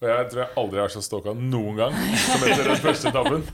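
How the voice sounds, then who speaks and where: Lively, laughing man telling a story. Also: medium pitch. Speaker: podcast guest. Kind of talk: casual podcast chat.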